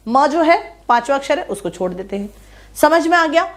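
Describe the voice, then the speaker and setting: A woman's voice: high-pitched, expressive. A woman teaching an online grammar lesson, patiently explaining and often asking the students whether they have understood. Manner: explains patiently, checks understanding with repeated questions; recites sounds slowly one by one. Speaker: online tutor.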